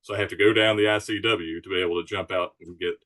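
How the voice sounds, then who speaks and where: Podcast guest: easygoing man, fairly low voice, informal and explanatory. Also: fairly even intonation, quick pace, fairly bright tone. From Alabama Gulf Coast, United States. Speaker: podcast guest, charter sailboat captain. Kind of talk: casual chat, explaining.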